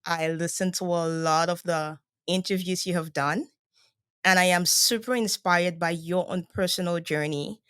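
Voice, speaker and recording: Host: woman from Cameroon, effusive and praising, fairly low pitch, dry close sound. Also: fairly even intonation, moderate pace, a bit bright, smooth, no echo. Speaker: podcast host. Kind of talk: podcast interview host.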